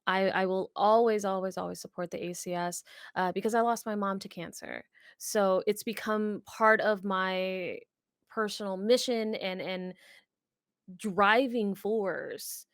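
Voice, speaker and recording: A woman's voice: mid-range voice, fairly even intonation, a little slow, smooth, no echo, clean studio sound. A woman streamer answering interview questions in an earnest, chatty way. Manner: earnest, many fillers and restarts, warm emphasis. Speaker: streamer and charity fundraiser.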